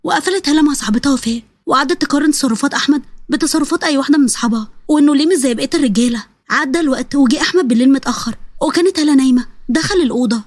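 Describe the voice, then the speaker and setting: A woman's voice: high-pitched, rapid-fire, no room sound. A woman with an Egyptian accent narrating a dramatic story. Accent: Egyptian Arabic.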